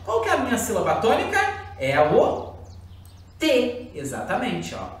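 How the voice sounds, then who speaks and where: A woman teacher with a Brazilian Portuguese accent, explaining a recorded lesson to schoolchildren in a lively, drawn-out way. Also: fairly high pitch. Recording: roomy echo, far from the mic.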